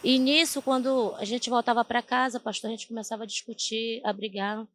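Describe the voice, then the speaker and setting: A woman's voice: on the high side, little pitch movement, fairly quick, fairly bright tone, a little hiss or hum. A woman giving an earnest church testimony, often turning to address the pastor. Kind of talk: emotional personal testimony.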